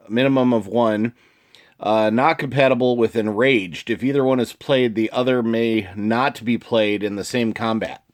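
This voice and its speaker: A man hosting his own channel, casually reading card text aloud with short asides and chuckles. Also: medium pitch. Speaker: channel host reviewing card game cards.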